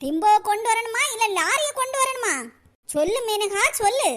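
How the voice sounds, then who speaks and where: A meddling village auntie from a comedy cartoon, her pitch sitting at a squeaky extreme. She speaks in a Kanyakumari Tamil accent and stirs trouble with mock sympathy. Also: lively intonation, normal speed, pushed and bright, heavily acted. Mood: mock-concerned. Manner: nosy, scheming, mock-sympathetic.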